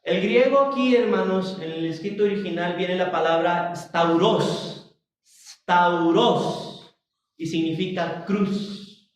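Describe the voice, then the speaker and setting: A high-voiced man preaches a Bible study in a measured, halting way, stopping to correct himself and speak to the congregation. He is heard from some distance in a very roomy church hall. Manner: slow, halting, with frequent restarts and asides to the congregation. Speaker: pastor.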